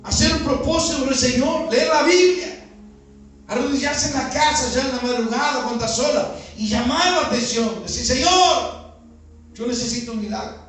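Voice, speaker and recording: A Uruguayan pastor with a notably high voice preaches outdoors, throwing question after question at the congregation. The sound is very echoey and picked up from far off the mic. Faint music sits under his voice. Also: a little fast, a bit bright. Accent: Uruguayan Spanish. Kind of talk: sermon. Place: outdoor gathering in a neighborhood.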